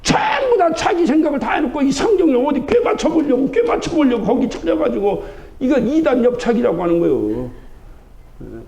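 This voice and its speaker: This man from Chungcheong, Korea, is a pastor preaching a sermon in a church sanctuary, pressing his points with rhetorical questions. His pitch is extremely high and swings widely, his pace a little fast, his tone a little mellow. The church service comes through as a dull broadcast recording.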